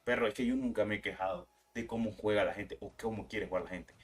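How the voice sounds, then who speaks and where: A man's voice: fairly low pitch, fairly even intonation, fast. Ranting man, gaming commentary. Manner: heated, profane, ranting. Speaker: gaming channel host. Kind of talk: casual gaming commentary rant.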